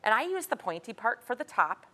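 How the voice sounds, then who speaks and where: A woman's voice: on the high side, very animated, brisk, pushed and bright. Woman craft-shop guest, chatty demo voice for live TV. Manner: chatty, instructive, upbeat. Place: TV studio.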